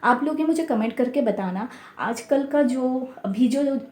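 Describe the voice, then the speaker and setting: A young woman talks straight to the camera in a casual vlog, her voice a little high but mellow. She sounds upset as she recounts a rude encounter and slips English words into her Hindi. The room around her echoes. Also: unhurried. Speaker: vlogger.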